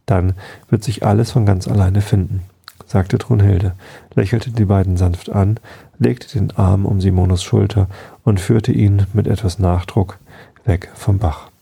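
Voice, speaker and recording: A man reading a bedtime story aloud in a calm, soft-spoken way. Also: low voice, measured pace, creaky, breathy edge.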